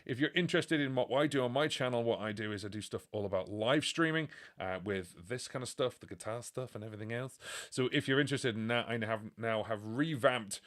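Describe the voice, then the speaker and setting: A man's voice: medium pitch, fairly quick, fairly bright tone. A man in his forties from the UK, casually chatting on a music live stream and answering viewer questions with lots of fillers. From United Kingdom. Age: 40s.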